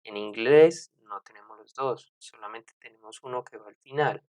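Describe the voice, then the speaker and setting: A man teaching an English grammar lesson, speaking deliberately with frequent fillers, self-corrections and checks with the class. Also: medium pitch, a little mellow. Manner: deliberate, repeats points and checks with "¿cierto?".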